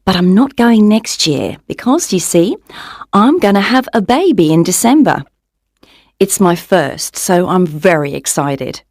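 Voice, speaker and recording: A woman's voice: lowish voice, animated, measured pace, darkish tone, no room sound, studio quality. A woman voicing a cheerful young Australian gallery owner with an Australian accent, talking in a friendly, chatty way in a scripted coursebook monologue. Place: dry studio booth.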